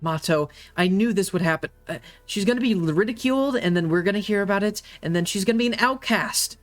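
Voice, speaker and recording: A game master voicing a worried, fretful mother in a tabletop game, raising the voice into a higher, anxious register. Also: brisk, faint music behind, close to an everyday voice. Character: worried stern mother fretting over her daughter.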